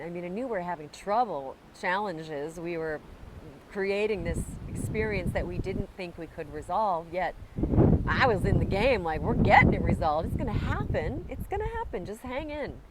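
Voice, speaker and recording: Animated woman, casual spiritual chat, swears a lot, faint hiss behind. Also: on the low side, normal speed. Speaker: guest. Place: outdoors in Hawaiian upcountry.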